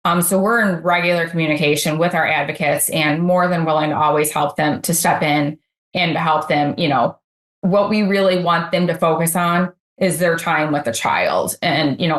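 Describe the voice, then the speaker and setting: A woman's voice: sits low, moderate pace, echoey room. A middle-aged woman speaking as a podcast guest, talking earnestly and chattily with frequent fillers. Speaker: podcast guest, advocate supervisor. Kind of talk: podcast interview.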